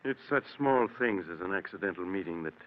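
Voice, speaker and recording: An actor in an old-time radio drama playing a calm, understanding doctor with a composed, philosophical manner. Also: male voice, sits low, a little fast. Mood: calm, sympathetic. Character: calm, understanding male doctor hearing a confession. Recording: tinny, muffled old radio recording.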